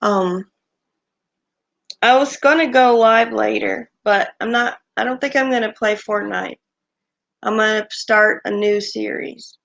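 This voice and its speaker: A woman hosting a livestream, chatting casually with viewers and thanking them one by one, her voice creaky since she has just woken up and is recovering from illness. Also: mid-range voice, measured pace, a bit bright. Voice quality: creaky morning voice. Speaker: livestream host. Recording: dull lo-fi stream audio.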